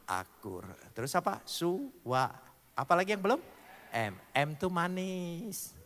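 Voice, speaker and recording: A male pastor preaching a joking sermon, spelling out words letter by letter and swinging between loud declarations and low asides. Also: big-room sound.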